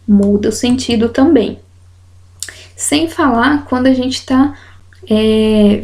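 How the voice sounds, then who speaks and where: This is a woman teaching a grammar lesson in Brazilian Portuguese, with a voice a little higher than most women's. She reads example sentences aloud and walks through each rule step by step. She keeps checking in with her students along the way. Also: a little mellow. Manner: explains slowly, reading example sentences aloud.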